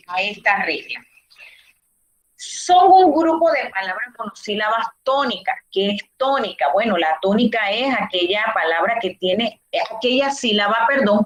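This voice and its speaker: A woman teacher giving a virtual grammar lesson, explaining slowly and deliberately, with many fillers and self-corrections. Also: medium pitch. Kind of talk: online Spanish grammar lesson. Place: home room, recorded for a virtual class. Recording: dull, roomy online class audio.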